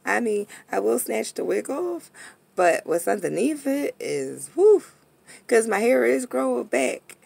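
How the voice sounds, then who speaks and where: An American woman vlogger rants in a tipsy, loose, rambling way. Her voice is husky and fairly low, with plenty of gravelly creak. She talks bluntly and casually, straight to her viewers. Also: darkish tone. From Pennsylvania, United States.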